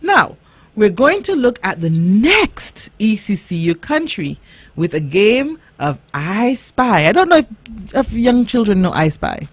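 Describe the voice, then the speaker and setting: A woman's voice: medium pitch, very animated, measured pace, husky. A woman speaking as a kids' show host, teaching children in simple phrases and checking in with questions.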